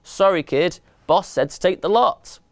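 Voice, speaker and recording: A man doing gruff little mouse henchmen. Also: high-pitched, unhurried, dry recording, studio quality, pitched above the performer's own voice. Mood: eager. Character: mouse henchmen, rough and dim-witted.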